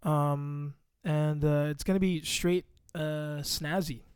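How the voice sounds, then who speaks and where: A man's voice: on the high side, fairly even intonation, takes it slowly, a little mellow, clear, resonant tone, no room sound. A young man co-hosting a casual podcast, joking and trash-talking playfully into a close mic. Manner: joking, playful trash talk and mock rapping. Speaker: podcast co-host. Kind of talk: casual chat. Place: home room at a computer. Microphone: close microphone.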